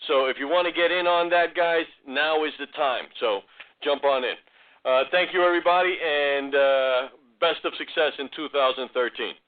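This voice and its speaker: A man with a New York accent hosting a call, halting and repeating words as he urges viewers to join. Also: on the high side. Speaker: host. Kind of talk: phone call pitch. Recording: tinny phone line.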